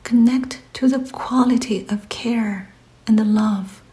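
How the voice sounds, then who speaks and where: Leading a scripted guided meditation, a woman speaks softly and breathily, frequently close to a whisper, with a soothing gentleness and pauses after brief phrases. Her slightly high voice holds a steady tone on a rough recording.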